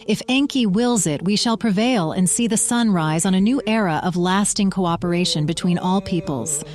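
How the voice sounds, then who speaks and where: Her voice is mid-range, darkish and natural as a woman plays a fervent, devout religious leader rallying her people in an audio drama. The first-person narration, with speeches and prayer, comes across as resolute, in solemn, declamatory, deliberate oratory. Echoey hall reverb and ambient background noise are present.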